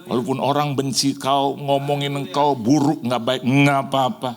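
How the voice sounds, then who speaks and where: A man's voice: mid-range voice, normal speed. A middle-aged man preaching a sermon, telling stories and acting out the dialogue and sound effects with mixed in. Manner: animated storyteller, acts out dialogue and sound effects. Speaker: pastor. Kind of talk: lively sermon with told stories.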